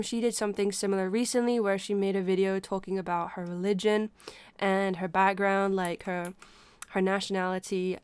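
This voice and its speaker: Woman, blocked nose, casual unscripted livestream chat, halting breath pauses, smooth tone, dry close sound. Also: mid-range voice, dry recording. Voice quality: congested, stuffy-nosed. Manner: hesitant, halting, pausing for breath. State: sick with a blocked nose, breathing through mouth. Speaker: livestreamer talking to viewers.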